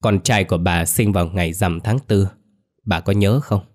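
A man voicing a calm male spirit medium who speaks in a slow, grave, measured way. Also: low-pitched.

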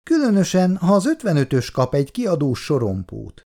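A man reading aloud voices a calm, clever young woman, the daughter, in a storybook; she speaks in an easygoing, teasing way. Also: a little high, voice pushed up.

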